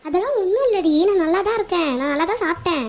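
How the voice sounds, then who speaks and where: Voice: very high-pitched, expressive, racing. A performer voicing a young woman office worker in a cartoon, whiny and sobbing, who keeps saying she is fine. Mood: evasive. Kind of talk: Tamil slang chat, cartoon voice acting.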